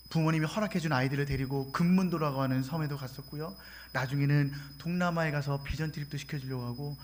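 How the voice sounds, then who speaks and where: Missionary guy telling church stories, does the voices, gets loud n excited, bit high pitched. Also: a little hiss or hum. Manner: storytelling, acting out quoted dialogue; grows loud and excited when telling good news. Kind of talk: mission report sermon. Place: church sanctuary.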